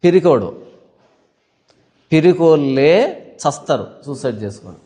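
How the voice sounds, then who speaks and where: A man's voice: on the high side, animated, unhurried, mellow. A male pastor preaching a sermon, emphatic, firing rhetorical questions at the congregation. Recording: long hall reverb.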